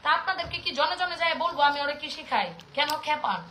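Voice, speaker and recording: A woman's voice: high-pitched, lively intonation, fast talker, sharp tone, slight background noise. A woman in her thirties with a Bangladeshi Mymensingh accent, passionately scolding her viewers in a casual rant. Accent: Bangladeshi Bengali, Mymensingh. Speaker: vlogger speaking to her audience.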